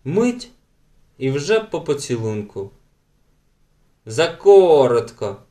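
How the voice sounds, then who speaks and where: A man reading a children's audiobook aloud with gentle, animated storytelling. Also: medium pitch, normal speed. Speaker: audiobook narrator.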